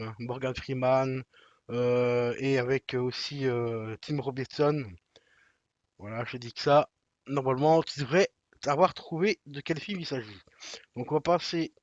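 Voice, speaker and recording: A man's voice: medium pitch, no echo, highs cut off. Chatty man unboxing, slangy. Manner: chatty, slangy, addresses viewer directly, many fillers. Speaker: collector unboxing a steelbook. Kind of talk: casual unboxing commentary.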